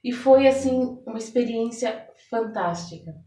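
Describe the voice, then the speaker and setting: Her voice sits on the high side and moves unhurriedly as this Brazilian therapist and theater director answers interview questions. She tells her stories vividly, often tacking on tags to check that the listener agrees. It was captured with a distant mic in an echoey room.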